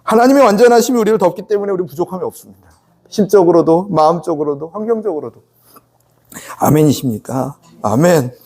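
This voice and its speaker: A male pastor preaching a sermon in a church, animated, often asking the congregation questions and joking with them. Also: high-pitched, quick pace. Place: church sanctuary.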